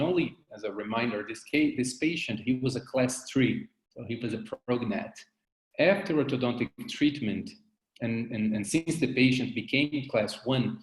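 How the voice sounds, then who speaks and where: A man gives an online dental lecture at a mid pitch. He talks in a halting way, repeating words and bending the grammar. The sound has the echo of a bare room. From Brazil. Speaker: dentist presenting cases.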